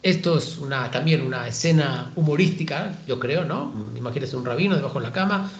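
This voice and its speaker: A man's voice: mid-range voice, fairly quick. Hesitant man teaching in a roomy echo. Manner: reflective, with frequent hesitations and rhetorical questions. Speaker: Talmud teacher. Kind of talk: informal lesson. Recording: roomy, dull lo-fi sound.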